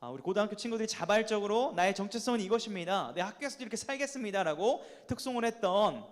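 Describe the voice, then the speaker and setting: A man preaching a sermon to high school students, leading them in call-and-response and having them repeat lines after him. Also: lively intonation, fast. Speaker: youth pastor. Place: church sanctuary. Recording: echoey church hall with long reverb.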